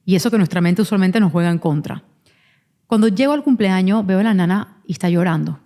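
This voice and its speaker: Woman, podcast host, mellow tone, candid confessional storytelling, frank, halting restarts. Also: on the low side, expressive. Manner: frank, confessional, openly vulnerable; rambling restarts while recounting. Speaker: mother of twins.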